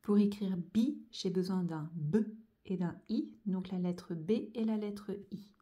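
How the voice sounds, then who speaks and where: A handwriting teacher with a fairly low, dark voice speaks a little slowly as she shows young children how to join cursive letters, patiently going over each stroke and sound one step at a time.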